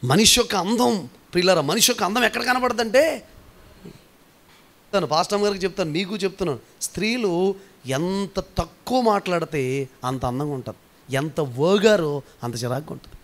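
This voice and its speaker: A man preaching a sermon as pastor, animated and teasing, calling on the congregation to answer back. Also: high-pitched, moderate pace, long pauses.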